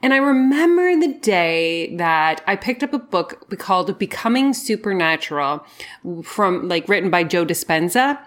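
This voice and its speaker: A woman's voice: medium pitch, very animated, unhurried. Effusive woman hosting a spiritual podcast. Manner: effusive, emphatic, informal. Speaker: podcast host. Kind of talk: spiritual podcast monologue, conversational storytelling.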